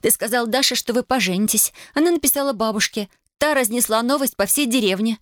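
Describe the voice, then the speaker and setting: Narrator doing an indignant young woman, high and loud, bitterly reproachful, audiobook. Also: fast talker, no echo, studio quality. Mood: accusing.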